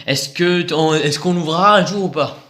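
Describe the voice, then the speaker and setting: A man's voice: on the high side, moderate pace, bright, forceful tone. A man chatting casually while unboxing purchases, rambling and joking, repeating himself. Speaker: video host showing purchases. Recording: echoey room, faint noise.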